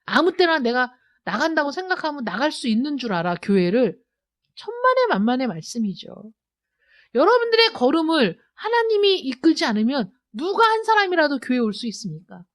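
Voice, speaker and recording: Woman pastor, high sing-song delivery, emphatic sermon style, loud pleas then hushed asides. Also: big pitch swings, brisk. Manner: emphatic, rhetorical questions, swings between loud urging and quiet. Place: church sanctuary.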